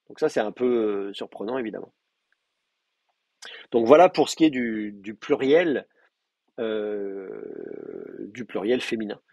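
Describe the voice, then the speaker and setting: A man lecturing a class, explaining grammar step by step and slowly repeating word forms, with many hesitations. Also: medium pitch, husky, dry recording. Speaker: teacher. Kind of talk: university lecture.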